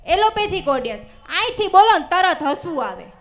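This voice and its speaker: A woman's voice: extremely high pitch, very animated, brisk, fairly bright tone, faint music behind. A woman doing stand-up comedy on stage into a microphone, telling stories with acted-out dialogue and punchlines. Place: stage before a live audience.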